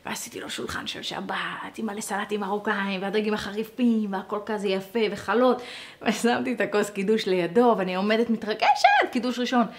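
Animated woman teaching a lesson. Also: medium pitch. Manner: animated, acts out quoted dialogue; conversational, speaks straight to listeners.

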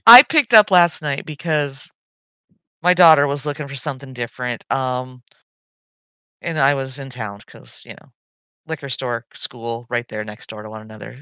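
A middle-aged woman co-hosting a podcast in casual chat, talking in an animated way with many sighs. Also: extremely low pitch, moderate pace, smooth, dry recording. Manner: animated, sighing, chatty. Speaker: podcast co-host.

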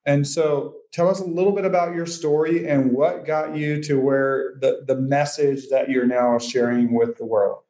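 A podcast host with a fairly high, steady, mellow voice asks friendly interview questions that ramble and restart, at a moderate pace with barely any pauses. The recording is slightly dull and lo-fi.

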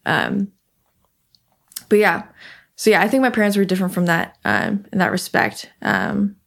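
Talking casually as an interview guest, a young Seattle-area woman from the United States reflects with frequent ums and gentle laughter. Her voice is on the low side and sing-song, with vocal fry, at a moderate pace.

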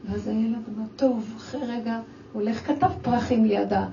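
A woman's voice: on the high side, gravelly. An older woman giving an emotional religious talk to a group, exclaiming and acting out her own scolding of children. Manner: animated, exclaiming, acts out quoted scolding. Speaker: speaker addressing a women's audience. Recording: distant, dull lo-fi with faint noise.

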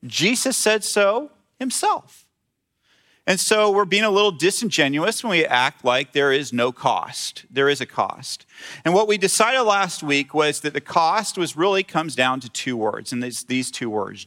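Man, pastor, bright voice, slightly high pitch, conversational sermon, animated storytelling. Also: measured pace. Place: church sanctuary with screen.

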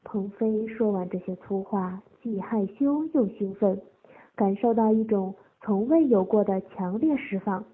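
A woman narrating an adult audio story in a steady reading voice. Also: mid-range voice, a little slow, husky. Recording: tinny phone-like lo-fi audio.

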